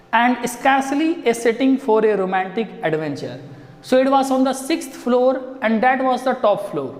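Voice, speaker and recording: A man with an Indian accent, teaching an English story line by line and asking his students questions. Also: very high voice. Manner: explains line by line, asks students rhetorical questions. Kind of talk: classroom lesson explaining a story. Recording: echoey room with long reverb.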